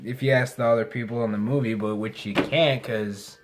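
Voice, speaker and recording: A man's voice: mid-range voice, fairly even intonation, normal speed, heavy background noise. A man getting drunker as he gives a casual, rambling film review, losing his thread, restarting sentences and swearing crudely. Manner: profane, crude slangy talk. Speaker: amateur movie reviewer.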